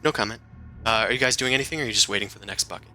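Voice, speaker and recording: A man's voice: on the low side, very fast, bright, forceful tone, soft background music. A man narrating a tabletop role-playing game as game master in a casual, improvised, conversational way.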